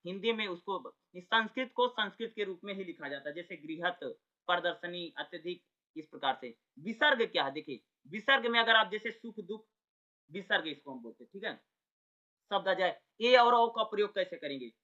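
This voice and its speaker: Bright, high-voiced man teaching casually. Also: animated, moderate pace. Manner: chatty, repeats "ठीक है" and rhetorical questions. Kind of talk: informal exam-prep lecture. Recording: dull lo-fi audio.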